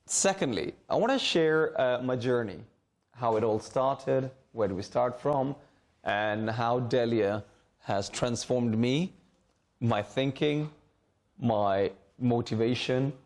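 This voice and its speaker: Sitting in a school library, a middle-aged former student from Hong Kong speaks casually to students as a guest speaker. He talks slowly in a slightly mellow, mid-range voice, frequently repeating words as he hunts for phrasing.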